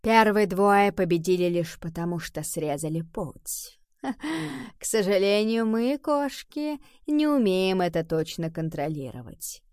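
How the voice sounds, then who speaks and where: A woman's voice: mid-range voice, no echo. A laid-back tomcat teacher drawls his words at a lazy crawl, as a woman reads him in a storybook. He sounds unbothered by anything around him, and the voice is dry and close. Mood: boastful. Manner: relaxed, slow and drawling. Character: unhurried male cat, a visiting teacher.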